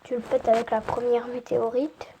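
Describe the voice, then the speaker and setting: A woman's voice: on the high side, flat delivery, fairly quick, background noise. A woman casually commenting on her own gameplay, hesitant and full of fillers, often saying "hop". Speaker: YouTuber playing a mobile game.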